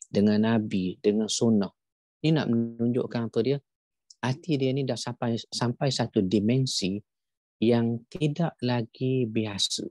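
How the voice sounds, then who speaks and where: Malaysian man giving a lively religious lecture. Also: fairly low pitch, no echo. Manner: animated preaching, acts out weeping recitation. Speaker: religious teacher.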